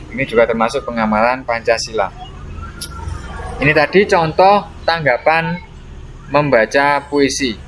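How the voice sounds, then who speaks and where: A man's voice: medium pitch, fairly bright tone, slight background noise. A man explaining a primary-school lesson to young children, patiently and with frequent "nah" and "ya" tags. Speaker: teacher.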